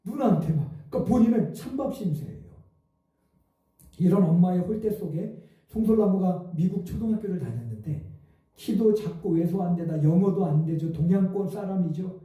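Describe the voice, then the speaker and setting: High-voiced pastor in an echoey church. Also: male voice, lively intonation, normal speed, mellow. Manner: storytelling, acts out quoted voices with rising emotion. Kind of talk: sermon. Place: church sanctuary. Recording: echoey hall, mic at a distance.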